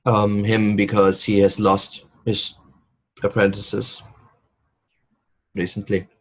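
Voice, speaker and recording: A man narrates a tabletop role-playing game as game master, with a low voice and an unhurried pace. He halts and fills gaps with ums as he describes the scene. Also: monotone, rough recording. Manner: halting, with fillers and laughs.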